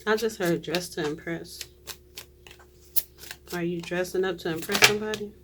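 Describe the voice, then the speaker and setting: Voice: medium pitch, steady tone, normal speed, very noisy. A tarot reader giving a casual reading to viewers, chatty, often trailing off and restarting, with frequent laughs.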